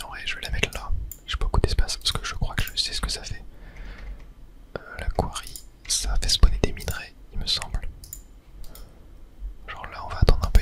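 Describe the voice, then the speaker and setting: This ASMR host's commentary is all breathy whisper without any voiced sound, very high in pitch, as he plays a game and casually narrates every move for his audience like he's thinking out loud.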